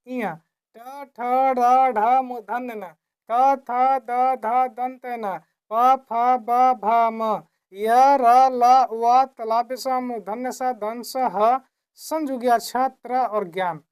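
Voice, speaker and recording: A woman from India teaches a lesson in a somewhat high voice. She keeps putting questions to her class and answering them herself, then says each point again slowly.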